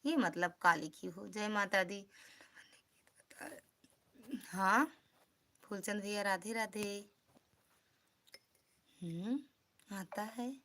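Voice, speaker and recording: A woman from Uttar Pradesh, India, speaks extremely slowly with frequent pauses in a sharp, mid-range voice marked by an Awadhi accent. On her casual live stream she chats, greets commenters by name, and asks viewers to support one another and come back.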